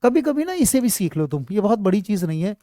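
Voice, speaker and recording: A man's voice: high-pitched, big pitch swings, quick pace, dark tone, no room sound, clean studio sound. A man teaching Hindi letters and sounds to students in a live class, repeating himself often and checking again and again that they understand, calling them child. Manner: addresses students fondly as child. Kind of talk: live online class, explaining at a board.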